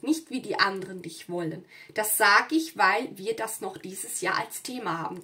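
Speaking casually to her viewers, a tarot reader from southern Europe does a card reading in a rather high, bright voice. She keeps checking in with little tag words as she talks.

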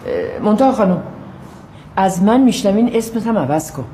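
A woman's voice: mid-range voice, very animated, mellow, a little hiss or hum, natural voice. An actress playing a pushy, overfamiliar woman next door in a sitcom, insistent and chatty. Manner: insistent, overfamiliar, keeps calling her by the wrong name. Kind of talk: sitcom acting. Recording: roomy echo.

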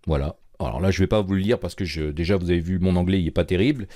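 A man's voice: deep voice, fast talker, warm tone, no echo, clean studio sound. A man teaching a coding tutorial in a casual, chatty way, with many fillers and restarts. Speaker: programming course instructor. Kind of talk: screen-recorded coding tutorial.

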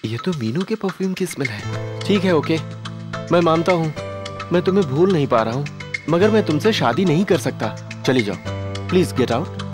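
A man's voice: fairly high pitch, expressive, normal speed, natural voice. An actor voicing a nervous, flustered young man in love, stammering through dubbed film dialogue. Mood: troubled. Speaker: film character. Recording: dubbed film audio with music. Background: film music.

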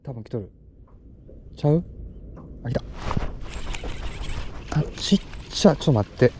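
A young man with a Kansai accent chatting excitedly while fishing outdoors on a lake, with quick exclamations. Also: medium pitch, a little hiss or hum. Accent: Kansai Japanese. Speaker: fishing vlogger. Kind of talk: casual commentary while fishing.

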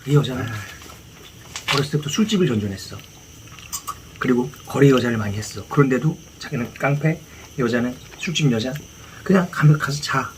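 A man chatting casually as he retells a film story, acting out the dialogue in rough slang. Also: mid-range voice, lively intonation, brisk, long pauses, low-quality recording. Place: outdoor fishing spot. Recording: clear outdoor ambient noise.

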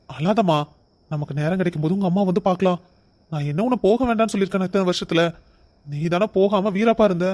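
Cast: man as a courteous middle-aged family man, high voice, gently reasoning, cartoon story. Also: close to an everyday voice. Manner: polite, reasoning. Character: polite middle-aged son-in-law and father. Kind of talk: animated story voice acting.

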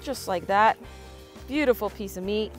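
Over music, a young fishing-and-cooking channel host talks at normal speed and medium pitch, enthusiastically narrating each step as she fillets fish and turns it into sushi.

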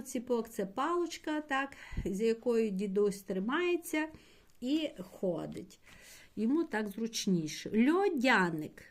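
A woman teacher giving a patient primary school language lesson, explaining slowly and spelling out words syllable by syllable for her pupils. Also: a little high, darkish tone. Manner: slow, patient explaining, addressing pupils directly.

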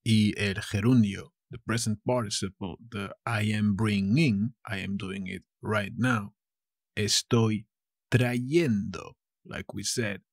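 A man with a Castilian Spanish accent teaching verbs slowly, with playful asides. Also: fairly low pitch, gravelly, slightly rough, dry recording, clean studio sound. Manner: slow and drawn-out, playful asides. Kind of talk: slow language lesson, switching Spanish and English.

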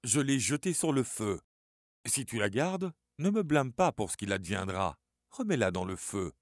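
A man's voice: mid-range voice, very animated, moderate pace, no echo, clean studio sound, lightly acted. A man doing a solemn warning elder. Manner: solemn, serious.

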